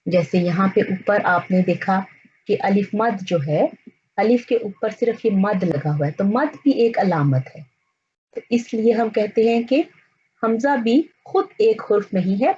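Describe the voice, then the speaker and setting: Husky lady teacher going thru the alphabet really slow, dull lo-fi sound. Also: mid-range voice, animated, mellow. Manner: slow, deliberate, spells out letters and sounds one by one. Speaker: language teacher.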